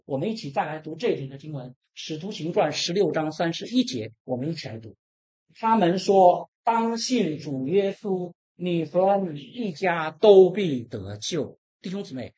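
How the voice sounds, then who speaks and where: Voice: mid-range voice, slightly rough. A preacher delivering an emphatic sermon, asking the congregation rhetorical questions and acting out scripture dialogue.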